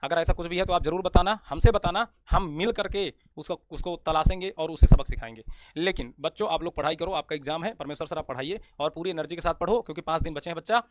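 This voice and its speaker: A man's voice: a little high, quick pace, dry recording. A man teaching at a coaching class who speaks insistently to his students, reassuring them and urging them to keep studying. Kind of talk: emotional appeal to students.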